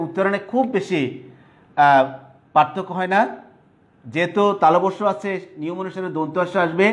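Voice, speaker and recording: A male teacher, giving a classroom grammar lecture and often checking whether students follow. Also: on the high side. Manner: explanatory, asks "clear?" to check understanding. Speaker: college Bengali teacher.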